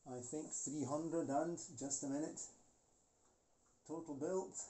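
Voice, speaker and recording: Forties guy chatting about his model train, warm mellow voice, keeps restarting and wandering off on tangents. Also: on the high side, fairly even intonation, a little slow, a little hiss or hum. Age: 40s. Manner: rambling, with frequent restarts and asides. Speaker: model railway channel host. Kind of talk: casual hobby talk about a model locomotive.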